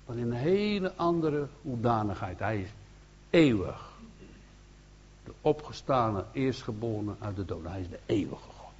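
Husky Dutch evangelist preaching earnestly. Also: male voice, mid-range voice, animated, moderate pace, darkish tone, highs cut off. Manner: earnest, repetitive restarts, rising to emphatic bursts. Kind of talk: sermon.

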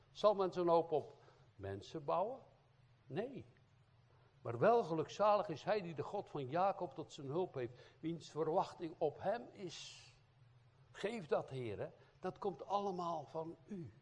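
A man's voice: medium pitch, a little mellow, breathy edge. A man, an evangelist, giving an informal sermon, often adding tag questions and filler sounds as he talks to the congregation. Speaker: evangelist preacher.

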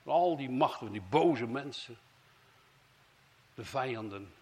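A man preaching a sermon with fervor, swinging between loud emphatic phrases and low hushed ones. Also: animated, a little slow.

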